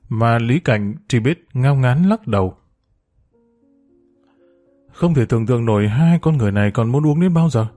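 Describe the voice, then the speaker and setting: A man narrating a serialized story at a measured, steady pace. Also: mid-range voice. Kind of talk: audiobook narration.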